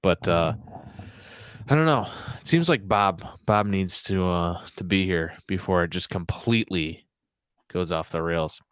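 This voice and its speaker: A man's voice: low-pitched, unhurried, a bit bright, no echo, studio quality. A man hosting a podcast livestream, chatting casually and rambling with many fillers, a bit out of breath. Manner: rambling, filler-heavy, jokey. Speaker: podcast host.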